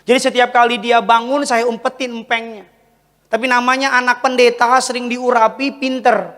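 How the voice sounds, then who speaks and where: A man preaches a Sunday sermon, weaving in lively stories about his family. His voice sits high for a man. A long reverb from the large church hall trails each phrase. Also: normal speed. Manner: lively storytelling with family anecdotes. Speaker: pastor.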